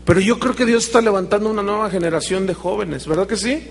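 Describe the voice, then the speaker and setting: High-voiced pastor preaching in a big hall. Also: male voice, fast, creaky, slight background noise. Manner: dramatic storytelling, acting out quoted voices. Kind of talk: sermon.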